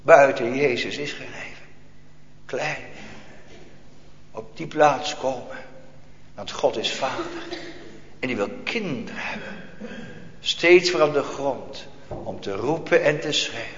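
A man preaching a sermon with fervor, swinging between loud outbursts and hushed passages. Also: medium pitch, slow pace, pauses often. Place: church. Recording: echoey church hall, dull lo-fi.

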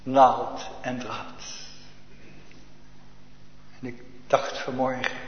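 A man preaching a sermon to his congregation, shifting from hushed to emphatic and full of rhetorical questions. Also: mid-range voice, completely flat delivery, very slow. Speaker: pastor. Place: church. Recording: echoey church, lo-fi reverberant recording.

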